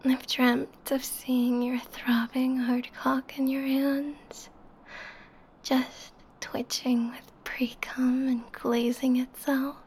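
A woman doing an ASMR role-play as an adoring, seductive lover, speaking slowly and intimately, close to the listener's ear. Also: sits high, flat delivery, darkish tone, a little hiss or hum. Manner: slow, lingering delivery with pauses.

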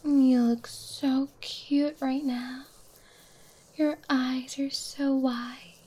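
A woman performing an intimate ASMR roleplay, talking in a soft, breathy whisper with quiet laughs. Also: high voice, flat delivery, very slow.

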